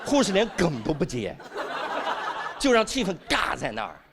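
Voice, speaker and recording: A man performs stand-up on a comedy stage. His voice sits high and swings widely as he acts out the voices in his stories. Loud noise runs underneath. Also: normal speed, creaky. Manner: animated, acts out quoted voices. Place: comedy stage before a live audience.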